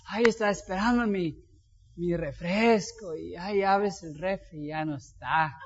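A man preaching a sermon as pastor, telling anecdotes in an animated way. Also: high voice, measured pace. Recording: dull lo-fi sound with long hall reverb.

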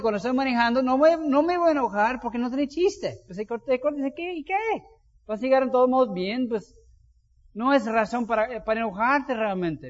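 A man preaching a sermon as pastor, telling anecdotes in an animated way. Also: very high-pitched. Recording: dull lo-fi sound with long hall reverb.

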